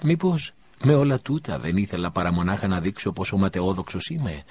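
Guy reading a humble prophet in a storybook, low husky voice, muffled lo-fi audio. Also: expressive. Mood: troubled. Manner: gentle, modest, earnest. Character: humble prophet, calm, earnest grown man. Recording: dull lo-fi recording.

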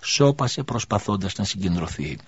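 A man narrating an audiobook with measured, solemn delivery. His voice sits low and husky. The recording has a dull, lo-fi quality. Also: very animated. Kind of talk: scripted narration.

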